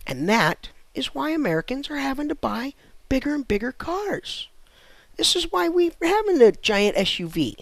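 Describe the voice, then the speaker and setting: Gravelly man ranting bluntly. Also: very high voice, very animated, moderate pace, a bit bright, no echo. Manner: blunt, lecturing, sarcastic. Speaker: host ranting to camera. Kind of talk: comic rant monologue.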